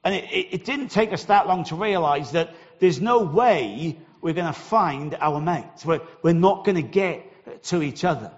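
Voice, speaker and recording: Welsh guy preaching, high voice, chatty storytelling, bit of a dull lo-fi recording. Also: expressive, measured pace, hardly any pauses, in a large hall. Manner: conversational storytelling, repeats words when starting. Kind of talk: sermon with personal story.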